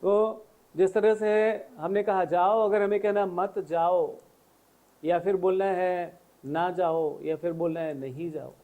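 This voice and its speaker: A man teaching English grammar in Hindi with an Indian accent, explaining patiently through many repeated examples and slowing down on English phrases. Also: sits high, fairly even intonation, dark tone, rough recording.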